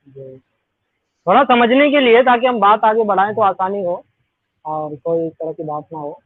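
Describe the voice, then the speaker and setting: A man's voice: high voice, no echo. A man calling into a live debate, persistent and repeating his questions. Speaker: caller in a debate. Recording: tinny phone-line call.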